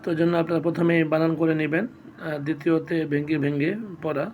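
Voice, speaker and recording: A man teaching Quran reading, spelling out Arabic syllables one by one in a slow, methodical classroom drill. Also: fairly high pitch, level tone, background noise.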